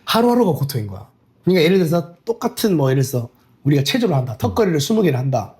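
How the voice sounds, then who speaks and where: A young man recounting his special forces training days on a podcast. He talks quickly, his pitch rising and falling a lot as he tells the stories, and he breaks into laughter often. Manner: animated storytelling with laughs. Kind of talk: casual podcast chat.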